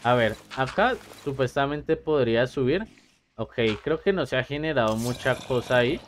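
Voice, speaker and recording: A man giving chatty, excitable let's-play commentary and talking straight to his viewers. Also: medium pitch, moderate pace, a little hiss or hum. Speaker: gamer.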